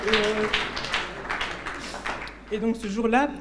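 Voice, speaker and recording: A woman telling her personal testimony to a church congregation, halting, often restarting and correcting herself. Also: a little high, steady tone, a loud crowd, heavy background noise. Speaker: church member giving a testimony. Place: church service hall.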